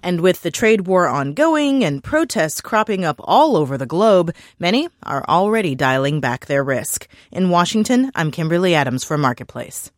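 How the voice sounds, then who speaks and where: A woman reads a scripted radio news report with lively, varied intonation. The recording is dry and close. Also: lowish voice, normal speed, few pauses, no echo.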